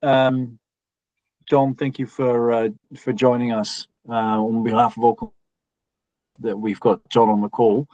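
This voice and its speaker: A man's voice: medium pitch, little pitch movement, measured pace, warm tone. A man hosting a meeting over a video call, speaking hesitantly with many filler sounds. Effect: heard through a video call connection. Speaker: meeting host introducing a rules presenter. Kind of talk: opening remarks on a video call. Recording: dull, dry video call audio.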